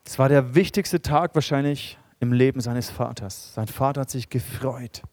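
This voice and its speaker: A man preaching a sermon in a lively storytelling way, acting out the characters he quotes. Now and then he drops to a quiet, low voice to stress a point. The sound is dry and close, with no room echo. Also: moderate pace. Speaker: pastor.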